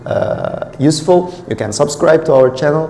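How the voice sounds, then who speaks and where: A man's voice: a little high, lively intonation, mellow. Male language teacher. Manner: deliberate, repeats phrases for learners. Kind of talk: instructional lesson, explaining and repeating phrases.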